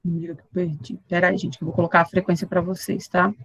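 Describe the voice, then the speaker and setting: A woman teaching an English class online, with slow explanations, repeated model words and frequent checks with her students. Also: fairly low pitch, flat delivery, breathy edge, poor audio. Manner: checks in with the class often with tag questions.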